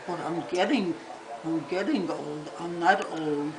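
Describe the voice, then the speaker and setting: A woman's voice: fairly low pitch, a crowd in the background. A woman in her eighties chatting playfully from a hospital bed, teasing about getting old. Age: 80s. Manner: slow, playful, self-mocking. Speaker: grandmother. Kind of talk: casual family chat. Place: hospital room, lying in bed. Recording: noisy home video.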